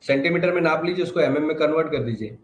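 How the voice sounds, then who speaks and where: A man's voice: fairly high pitch, fast talker. Male auto trainer, assured and instructive, echoey room. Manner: confident, reassuring, instructive. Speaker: automotive diagnostics trainer. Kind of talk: live online training Q&A.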